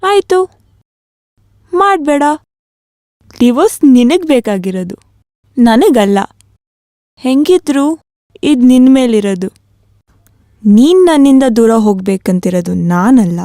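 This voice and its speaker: An actress playing a greedy scheming wife who coldly bargains over a divorce. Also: female voice, on the high side, animated, measured pace, pauses often, dark tone, no echo, studio quality. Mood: cold defiant. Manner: cold, bargaining, defiant. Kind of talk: film drama acting.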